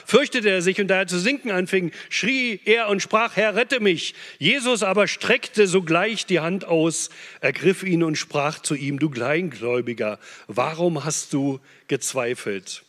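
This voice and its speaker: A man preaching a sermon, impassioned, swinging between loud urgent peaks and hushed low phrases. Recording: long hall reverb.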